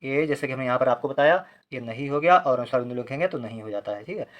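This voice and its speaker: A man's voice: mid-range voice, fast, a bit bright. Male writing teacher: patient, methodical, repeats each syllable, asks and answers his own questions. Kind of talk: step-by-step handwriting lesson.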